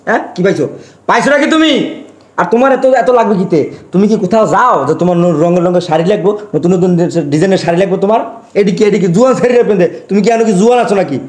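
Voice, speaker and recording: A man playing a shrill, scolding stingy son. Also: animated, rapid-fire. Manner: scolding, hectoring rhetorical questions. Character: stingy hot-tempered grown son, berating his mother. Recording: echoey room.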